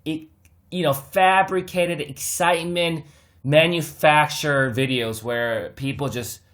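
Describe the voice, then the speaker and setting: Animated chatty man, slightly high voice. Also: takes it slowly. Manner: animated, talks to viewers like friends, laughs, mocks others. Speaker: market commentary host. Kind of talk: casual unscripted market talk to camera.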